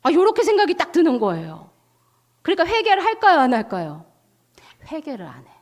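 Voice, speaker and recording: A woman missionary preaching a testimony sermon, telling a story with lively asides and questions to the audience. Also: high voice, brisk.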